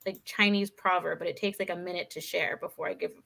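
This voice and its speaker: Bright, animated woman. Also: on the low side, quick pace, vocal fry. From Canada. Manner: animated, chatty, full of "like" and "right?". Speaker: guest, author. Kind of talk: casual conversational storytelling.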